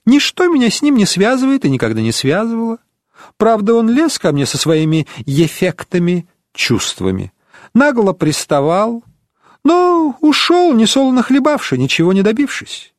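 A man's voice: high voice, huge pitch swings, no echo, clean studio sound, pitched above the performer's own voice. A man voicing a cold, scornful young noblewoman who dismisses her lover in an audiobook. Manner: mocking, quick and dismissive.

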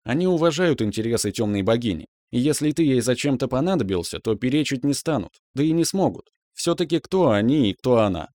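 A man's voice: medium pitch, lively intonation, a little fast, few pauses, mellow, dry recording, clean studio sound, lightly acted. A man voicing a cheeky, conspiratorial teenage girl in an audiobook, teasing her brother.

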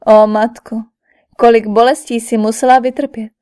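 A woman's voice: a little high, level tone, mellow, clear, resonant tone, close to an everyday voice. A woman voicing an anguished prince who implores his mother, read for an audiobook in an imploring tone. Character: anguished eldest prince, a grieving son. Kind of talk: audiobook character reading.

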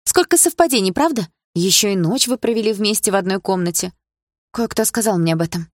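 A woman voicing a hurt, sharp-tongued teenage schoolgirl in an audiobook, with a biting, sarcastic edge. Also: mid-range voice, brisk, dry recording, clean studio sound, lightly acted. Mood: indignant. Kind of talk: audiobook character reading.

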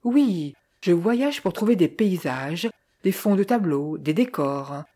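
A woman's voice: on the low side, lively intonation, slow, warm tone, husky, exaggerated voice. A woman voicing a self-assured, amused young woman in an audiobook.

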